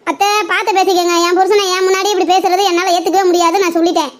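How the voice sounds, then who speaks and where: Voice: very high voice, little pitch movement, very fast. A performer voicing a young daughter-in-law in a comedy skit, who speaks in a mocking, defiant way.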